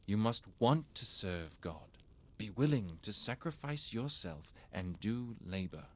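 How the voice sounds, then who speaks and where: A man playing a solemn, devout medieval monk in a video game, speaking in a measured, instructive way. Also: fairly low pitch, very animated.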